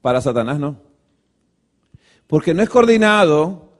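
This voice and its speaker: A man giving a preaching-style lecture to a church audience, animated, asking rhetorical questions and acting out quoted dialogue. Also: fairly high pitch, measured pace.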